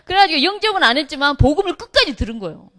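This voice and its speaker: A middle-aged woman, a pastor's wife, telling a humorous church testimony with lively storytelling, acting out what others said. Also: high voice, rapid-fire. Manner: lively storytelling, acts out quotes, laughs often.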